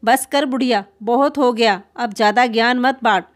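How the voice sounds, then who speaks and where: A cruel daughter-in-law snaps and scolds with open contempt, as a woman narrator puts her on. The voice is slightly high and cutting. This is storybook dialogue, read aloud. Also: normal speed, lightly acted. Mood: contemptuous.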